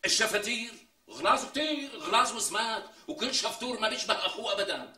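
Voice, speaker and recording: Brief: fast, lively comic braggart, high bright voice, roomy set sound. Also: male voice, exaggerated voice. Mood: mocking. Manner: theatrical, exaggerated, drawn-out emphasis. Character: boastful man mocking a woman, melodramatic. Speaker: comic sketch character. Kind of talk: TV sketch comedy acting.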